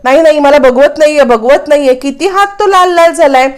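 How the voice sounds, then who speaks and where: A flustered young husband who fusses and scolds in the same breath, as a woman narrator reads him out. He repeats his words in a hurry, pitched fairly high. The tone is everyday, with no real change of voice. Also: brisk, lightly acted. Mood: panicked. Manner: frantic, repeating himself. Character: flustered young husband fussing over a burn.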